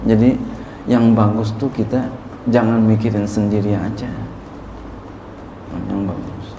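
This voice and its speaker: A man, a religious teacher, leads a sermon-style lesson in a roomy, echoing hall with faint background ambience. His voice sits at an ordinary pitch. He recites Arabic, then explains it in easy, conversational Indonesian. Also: little pitch movement, unhurried, mellow, slight background noise. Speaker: kiai teaching a classical text. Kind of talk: sermon-style kitab study. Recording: echoey room with faint ambience.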